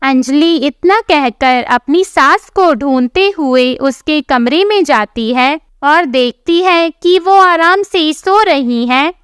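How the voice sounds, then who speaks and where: Woman telling a family story, slow and measured, high voice, dry close mic. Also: fairly bright tone, no room sound. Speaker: narrator. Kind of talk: scripted storybook narration.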